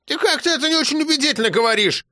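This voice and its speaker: A man voicing a loud, domineering old grandmother who scolds and shouts in a high voice. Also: expressive, racing, exaggerated voice. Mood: scolding shouts.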